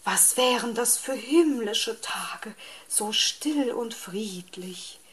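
A woman's voice: fairly high pitch, animated, takes it slowly, fairly bright tone, pitched above the performer's own voice. A woman voicing a grumpy, lazy male fox in a storybook reading, irritable and grumbling.

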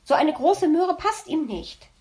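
Cheerful little hedgehog boy, eager and bouncy, voice up high; a woman reads him. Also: big pitch swings, unhurried, darkish tone. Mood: gleeful. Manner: bubbly, eager, high-spirited.

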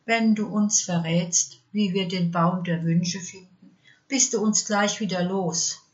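A woman's voice: mid-range voice, steady tone, takes it slowly, highs cut off, natural voice. A woman reading the lines of a weary but brave king in a fairy tale, speaking steadily and earnestly. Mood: firm.

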